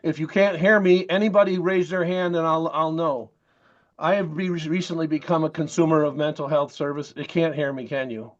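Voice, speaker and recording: A man's voice: fairly high pitch, steady tone, moderate pace, highs cut off. A man giving public comment over a video call, his voice echoing back on the line as he keeps checking that he is heard. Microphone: computer or headset on a video call.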